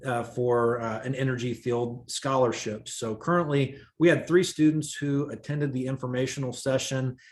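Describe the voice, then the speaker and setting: A man giving a school board report over a video call, his volume rising and dipping unevenly, with halting pauses and fillers. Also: medium pitch, steady tone, a little hiss or hum.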